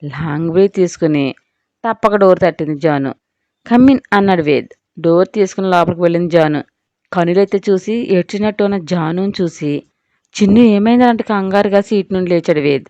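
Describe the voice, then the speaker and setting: A woman narrating a scripted audio story with an expressive reading style. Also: lowish voice, fairly quick, dry recording, dull audio.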